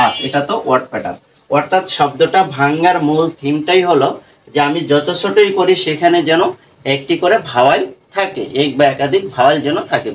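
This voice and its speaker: A man teaching English pronunciation to students, explaining rules slowly and repeating sounds syllable by syllable. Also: fairly high pitch, far from the mic, a little hiss or hum, poor audio. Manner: slow and repetitive, breaking words into syllables.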